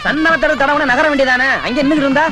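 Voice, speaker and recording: Man, film comedy, cheeky, back-talking, very fast, high pitched. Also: fairly even intonation.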